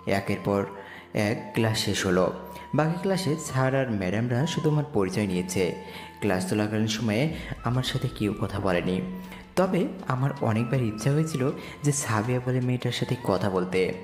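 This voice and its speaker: Voicing a poor, humble young slum boy, a man earnestly narrates his own romantic audio story. His voice sits on the low side and is close to an everyday voice, with lively intonation at normal speed. The recording carries echoey reverb over a music bed.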